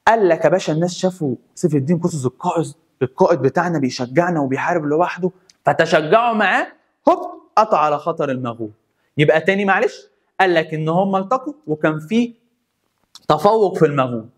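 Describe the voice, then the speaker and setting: Animated Egyptian teacher, fairly high voice. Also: male voice, fast talker, breathy edge. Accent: Egyptian Arabic. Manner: animated storyteller, repeats points and chants rhyming memory lines. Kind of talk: energetic classroom history lesson.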